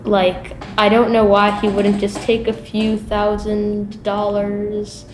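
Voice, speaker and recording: A woman's voice: mid-range voice, completely flat delivery, slow pace, darkish tone. A young woman chatting casually in an informal, rambling, opinionated way. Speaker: audio tour participant. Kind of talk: casual chat. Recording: roomy echo, music behind.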